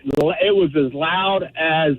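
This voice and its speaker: A man calling into a radio show from his car, on speakerphone while driving, talking in halting restarts. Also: fairly high pitch. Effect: phone speaker from a car. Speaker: caller. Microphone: phone on speaker. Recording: tinny phone line.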